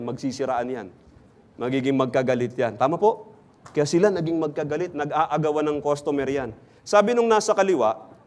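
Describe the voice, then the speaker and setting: A man preaching in church, quizzing the congregation and teasing them with jokes. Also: fairly high pitch. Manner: questions the congregation, teasing and jokey. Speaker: pastor. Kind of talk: interactive sermon.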